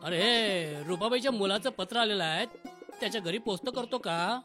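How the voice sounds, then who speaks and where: A middle-aged actor playing a hurried village uncle who talks briskly and bossily. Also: male voice, sits high, music in the background, natural voice. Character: hurried village uncle, mail-carrying cyclist.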